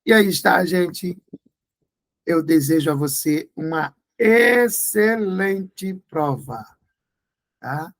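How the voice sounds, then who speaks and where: A man's voice: high-pitched, animated, takes it slowly, gravelly, low-quality recording. A Brazilian Portuguese tutor, a man, going through exam questions in a review class. He talks in a didactic way, checks in with his students often, and breaks words into syllables to stress them.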